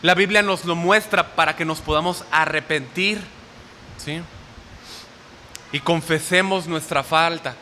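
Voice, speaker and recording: A man's voice: on the high side, unhurried, long pauses, bright, forceful tone. A man preaching a sermon to a congregation, often asking them short questions as he goes. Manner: asks the audience questions often. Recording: hall reverb with faint noise.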